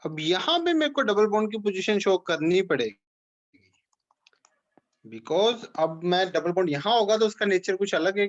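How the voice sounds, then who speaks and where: A man's voice: high voice, muffled recording. A man teaching an organic chemistry class, explaining step by step and checking in with questions to his students. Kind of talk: classroom lecture.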